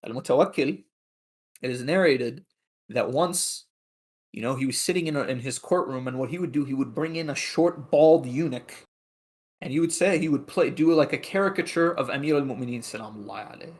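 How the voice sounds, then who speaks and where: Speaking a little fast in a mid-range voice, a man lectures on religious history, animatedly recounting narrations and performing the quoted lines.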